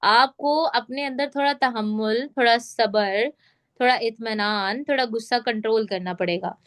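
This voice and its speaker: A woman leads a training session over a call. Her voice sits high, and she explains step by step, often asking whether everyone is following. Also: normal speed. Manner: instructive, repeats check questions. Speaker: sales trainer. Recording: call audio.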